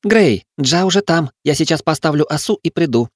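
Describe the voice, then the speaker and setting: A man's voice: mid-range voice, expressive, moderate pace, no echo, studio quality, pitched above the performer's own voice, close to an everyday voice. A man voicing Tara, an earnest, devoted young woman.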